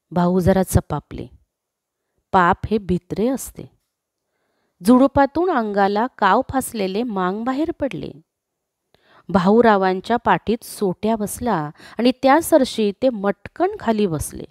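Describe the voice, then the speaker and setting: A woman narrating a classic story in a slow, expressive reading. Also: mid-range voice, no echo, studio quality.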